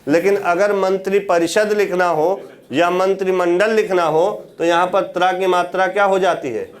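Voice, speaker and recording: High-voiced man teaching a class. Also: fairly even intonation, normal speed. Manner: asks the class questions and answers them himself, repeats key words. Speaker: Hindi exam teacher. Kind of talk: classroom lecture.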